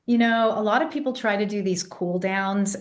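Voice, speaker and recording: Speaking at a moderate pace in a medium pitch, this English-raised woman is a vocal coach swapping stories in a relaxed interview. She's congested, so her voice comes out less clear than usual. She tells her tales with animation and demonstrates vocal sounds along the way.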